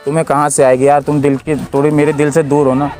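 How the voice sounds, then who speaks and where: A man's voice: fairly high pitch, flat delivery, quick pace, a little mellow. A young man hosting a prank video, chatting up a stranger in a teasing, pleading, playful way. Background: background music.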